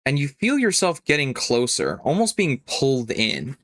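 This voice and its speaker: A man narrating as game master, describing scenes slowly with some ums. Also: medium pitch, wildly swooping pitch, a bit bright, no room sound, clean studio sound.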